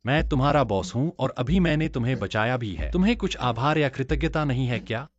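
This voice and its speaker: Man voicing arrogant boss, demanding, pompous, very animated, dull sound. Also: mid-range voice, fairly quick, no echo, natural voice. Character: arrogant bossy male company CEO. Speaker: company boss. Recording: dull dubbed audio.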